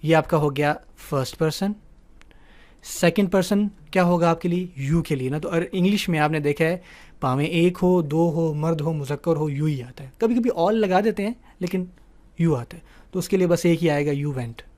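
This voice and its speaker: A man's voice: on the high side, darkish tone. A male teacher giving an online grammar lesson. He explains patiently, checks in with the class often and mixes English words into his talk. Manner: explanatory, asks "ٹھیک ہے نا" often.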